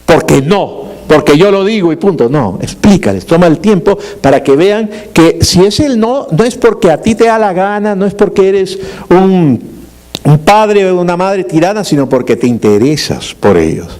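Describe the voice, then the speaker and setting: A man's voice: high voice, very animated, moderate pace, a little mellow. A middle-aged male pastor delivering a sermon in a conversational way, with humorous asides and frequent rhetorical questions.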